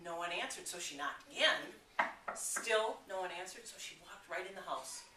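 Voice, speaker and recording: Lively woman telling a story to children. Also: on the low side, normal speed, very noisy. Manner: expressive, animated storytelling. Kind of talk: reading a story aloud to children. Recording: echoey room, from a distance.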